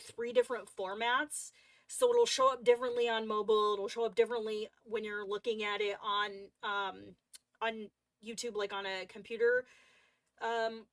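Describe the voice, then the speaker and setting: A woman with a fairly high voice chats slowly and loosely while she colors on a livestream, full of fillers and restarts. The sound is dry and close, with no room around it. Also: fairly bright tone, no room sound. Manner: chatty and rambling, with frequent fillers and restarts.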